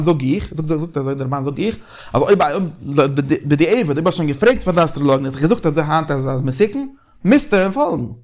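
A man with a slightly high voice leads a casual Talmudic study discussion. He is animated and repeats phrases as he thinks aloud.

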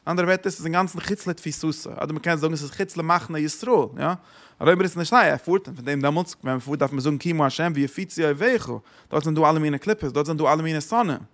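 A man's voice: on the high side, fast talker, fairly bright tone. A man giving a religious lesson who asks rhetorical questions and repeats his phrases. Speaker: Torah teacher.

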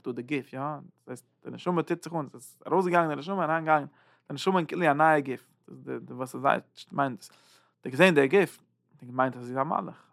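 A man teaching a Zohar lesson, halting and repeating words, swinging between loud and soft. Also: mid-range voice, gravelly, no room sound, clean studio sound. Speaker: Torah teacher.

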